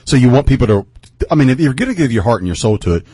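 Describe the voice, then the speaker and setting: A man's voice: medium pitch, big pitch swings, rapid-fire, mellow, husky, no echo. A man with a Midwestern accent hosting a radio interview, rambling with many fillers and restarts. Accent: Midwestern American. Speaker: radio host.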